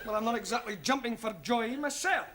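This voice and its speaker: An actor playing a brisk, put-upon man English teacher in a 1970s sitcom. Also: extremely high pitch, a loud crowd. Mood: exasperated. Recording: hissy old TV broadcast.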